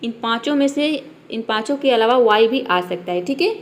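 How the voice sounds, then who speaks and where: A woman's voice: fairly high pitch, expressive, normal speed. A young woman teaching English in Hindi with a Hindi accent. She explains patiently, often checks in and answers her own questions. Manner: patient, repeats "ठीक है" and asks herself questions. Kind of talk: classroom-style explanation.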